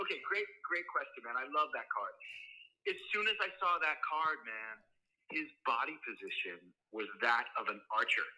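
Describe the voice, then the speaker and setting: A man's voice: medium pitch, expressive, normal speed, bright, forceful tone, rough recording. A man talking casually as a guest artist, heard through a phone on speaker with a laid-back, rambling, enthusiastic manner. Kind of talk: casual live chat. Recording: phone on speaker held away from the mic.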